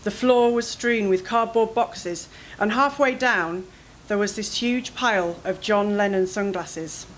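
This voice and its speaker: A woman reading her own first-person fiction aloud at a literary event, in an expressive, anxious storytelling manner. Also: medium pitch, measured pace, hardly any pauses, slight background noise, rough recording.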